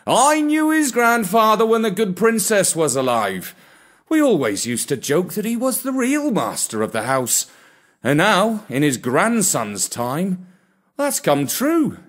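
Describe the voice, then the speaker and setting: Narrator doing a gossipy fishmonger, raised pitch, folksy. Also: big pitch swings, a little slow. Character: chatty male fishmonger.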